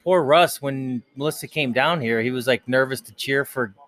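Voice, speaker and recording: A man's voice: mid-range voice, moderate pace, fairly bright tone. A man co-hosting a casual sports chat, teasing his friend and swearing casually in a laid-back way. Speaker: podcast co-host.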